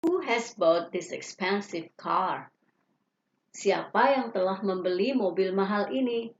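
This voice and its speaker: Slow, careful woman teacher, lo-fi. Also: medium pitch. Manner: slow, careful reading, each English sentence followed by its Indonesian translation. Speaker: English teacher. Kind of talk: reading example sentences slowly. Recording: dull lo-fi recording.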